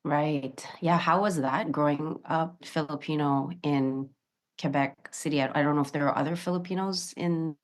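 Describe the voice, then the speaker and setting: Woman radio co-host, lower pitch, curious interviewer. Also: fairly even intonation, normal speed. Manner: curious, questioning.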